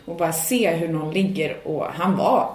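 A woman's voice: lowish voice, a little mellow, reverberant. A woman podcast co-host and singer telling a casual anecdote in a chatty way, swearing now and then and acting out what people said. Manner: chatty storyteller, acts out quotes, swears casually.

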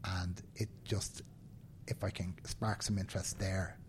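Unhurried and flat, a low male voice comes through with slight background noise. He's a Dublin man in his fifties from the banking world, guesting in a conversational interview indoors while seated; his manner is earnest and emphatic, with plenty of "right?" tags.

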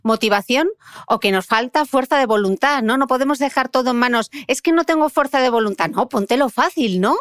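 A woman's voice: high-pitched, expressive, a little fast, dry recording. A woman hosting a podcast interview, chatty and personal, often ending points with "¿no?". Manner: chatty, personal anecdotes, tag questions "¿no?". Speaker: podcast host. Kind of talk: conversational interview.

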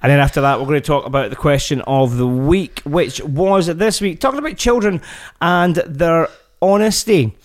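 A man's voice: fairly high pitch, moderate pace, hardly any pauses. Jokey Glaswegian man. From Scotland. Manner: jokey, puts on silly accents, laughs often. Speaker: podcast co-host. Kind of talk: casual chat.

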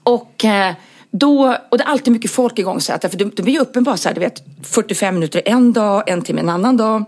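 A woman telling a comic, self-mocking story in casual chat, lively and full of fillers. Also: mid-range voice. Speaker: podcast co-host telling stories.

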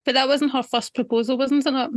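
A woman's voice: high voice, fairly even intonation, fairly quick, no room sound. A woman co-hosting a podcast, asking curious, chatty questions. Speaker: podcast co-host. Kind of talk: casual podcast interview.

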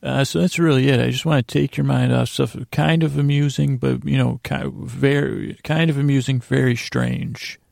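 A sleep podcast's host speaks in a creaky, gravelly voice of medium pitch, steady and a little mellow, wandering through digressive, halting musings that frequently trail away to lull his audience to sleep. The sound is clean studio audio with no room sound.

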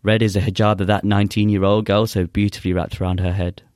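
Urdu is the first language of this young poet guest, whose deep voice is flat in delivery. During casual chat and spoken-word poetry he speaks earnestly but haltingly, with many fillers, and the clean studio recording has no room sound.

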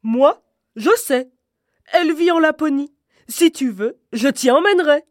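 A woman's voice: sits high, animated, a little slow, dry recording, clean studio sound, pitched above the performer's own voice. A woman doing an eager little reindeer. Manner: loud and eager. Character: small friendly young reindeer, eager to help.

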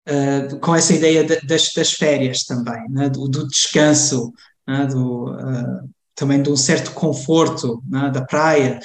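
Hesitant man in a roomy, echoing space. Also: fairly high pitch. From Germany, of Portuguese family. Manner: hesitant, halting, self-correcting, often restarting. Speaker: interview guest. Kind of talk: conversational interview.

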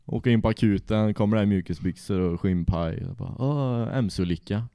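A man's voice: fairly low pitch, fairly even intonation, warm tone, smooth, no echo, studio quality. A young man casually telling a rowdy anecdote, swearing freely and laughing as he goes. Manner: profane, laughs through his story. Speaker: storyteller.

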